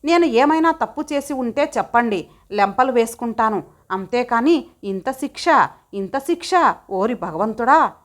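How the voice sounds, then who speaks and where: A woman's voice: a little high, expressive, moderate pace, natural voice. Woman reader doing a self-pitying older mother-in-law, tearful and lamenting, for an audio story. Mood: wailing.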